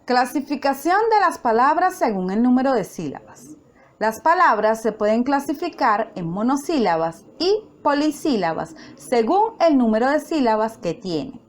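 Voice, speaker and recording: A woman teacher giving a recorded grammar lesson, speaking slowly and carefully, breaking words into syllables. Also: a little high, sing-song. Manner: slow, careful, spelling out syllables.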